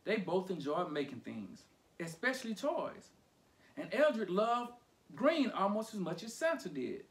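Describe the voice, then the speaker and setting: A man reading a children's picture book aloud for storytime, playful and animated. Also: high-pitched, unhurried.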